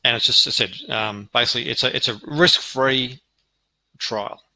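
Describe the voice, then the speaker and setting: A man gives an informal online sales webinar in a very bright, forceful voice. The sound is dry and close. He explains step by step, haltingly, often correcting himself. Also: mid-range voice, fairly even intonation, dry recording, poor audio. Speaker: webinar presenter.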